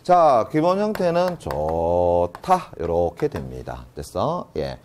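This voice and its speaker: In this grammar lecture, the male teacher constantly checks in with questions he then answers himself, stretching out the key terms he emphasizes. His voice sits low and is a little mellow, with huge swings in pitch.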